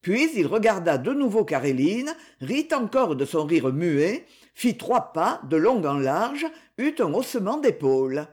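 An audiobook narrator reading a dark literary novel. The delivery is steady but expressive, with a mid-range voice that moves freely in pitch. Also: unhurried.

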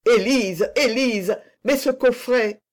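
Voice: mid-range voice, takes it slowly, pitched above the performer's own voice, close to an everyday voice. A reader voicing a nobleman torn by love, speaking in a breathless, exclamatory way. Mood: overwhelmed.

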